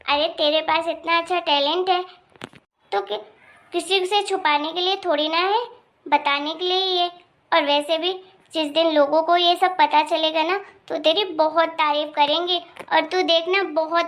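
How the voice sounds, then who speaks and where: A woman voicing a confident, loyal rich young girl in an animated cartoon, talking in an insistent, bossy way. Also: extremely high pitch, moderate pace. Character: bold, loyal rich young girl who defends her friend.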